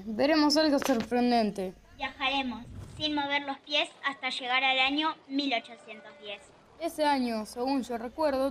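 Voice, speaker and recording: A woman's voice: high voice, slight background noise, natural voice. A woman playing a friendly presenter in a children's stage play, announcing in rhyme to the audience. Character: friendly female stage presenter guiding a trip to the past. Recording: echoey hall, voice from afar.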